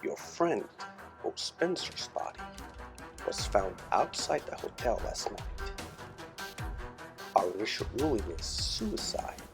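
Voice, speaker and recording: An actor playing a terse male police detective, official and guarded, delivering measured, clipped phrases. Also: medium pitch, sing-song. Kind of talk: film acting. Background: music.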